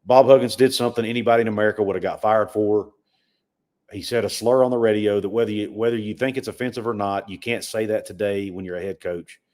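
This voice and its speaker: Low-voiced man in casual sports talk. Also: steady tone, fast, darkish tone. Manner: conversational, repeats words when emphatic. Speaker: sports podcast co-host.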